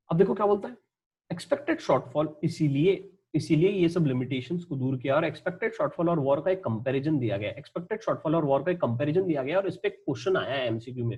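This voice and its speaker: भारत का एक पुरुष शिक्षक, जो परीक्षा की तैयारी के लिए लेक्चर देता है। वह बोलचाल के अंदाज़ में, जोश के साथ पढ़ाता है, ख़ुद से सवाल पूछता है और ख़ुद ही जवाब देता है।. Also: male voice, a little high, slightly rough, dull audio. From India. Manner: lively, conversational, asks and answers his own questions; reads English lines slowly. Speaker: teacher. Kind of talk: exam-prep lecture.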